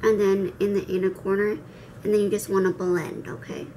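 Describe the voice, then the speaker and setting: A woman's voice: mid-range voice, little pitch movement, normal speed, slight background noise, rough recording. A young adult woman chatting casually through a makeup tutorial, saying r like w, with playful, self-deprecating, slangy asides. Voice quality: soft r sounds, r said like w. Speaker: makeup vlogger. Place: indoor room with cloth backdrop, seated before camera.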